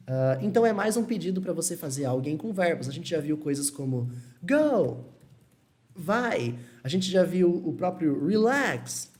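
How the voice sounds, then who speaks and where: Guy teaching english, goes up and down a lot, slows way down to model words. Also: on the high side, darkish tone. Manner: explains step by step, checks in with "tudo bem?"; models English words slowly and repeats them. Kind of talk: Portuguese-language English lesson.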